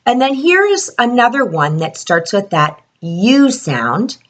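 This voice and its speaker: A woman leads a children's letter lesson with a broad, singsong delivery. Her pitch swoops up on questions and down on answers. She takes her time, drawing out important words for little listeners. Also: big pitch swings, slow. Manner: addresses young children, stretching key words. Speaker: teacher of young children.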